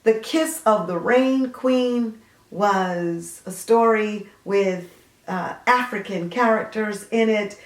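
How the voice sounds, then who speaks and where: A woman hosts a book series, gushing over stories in a casual review and reading excerpts aloud, using frequent fillers. Her voice is medium-pitched and slow, recorded with a roomy echo.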